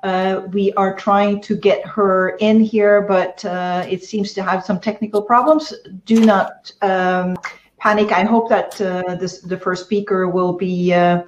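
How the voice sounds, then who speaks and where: Woman hosting an online event, slow and full of ums, roomy dull call audio. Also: medium pitch, steady tone. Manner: hesitant, many fillers. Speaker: event moderator. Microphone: video call.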